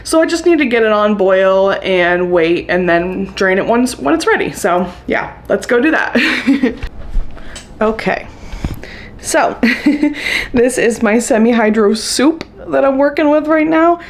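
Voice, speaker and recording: A woman's voice: on the high side, animated, moderate pace, hardly any pauses. A young woman vlogging casually about her houseplant chores, chatty and upbeat, laughing often. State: hiccuping. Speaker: plant vlogger. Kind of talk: casual chat to camera.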